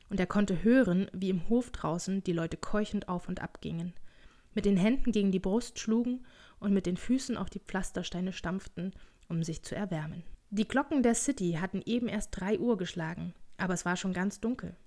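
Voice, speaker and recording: A woman narrating a classic story as an audiobook, measured and expressive. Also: medium pitch.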